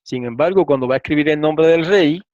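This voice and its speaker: A man teaching a lesson, reading transliterated Hebrew and Greek slowly and asking frequent rhetorical questions. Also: a little high, darkish tone, no room sound. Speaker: Bible teacher. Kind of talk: lecture explaining Hebrew and Greek texts. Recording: dull, slightly lo-fi and dry.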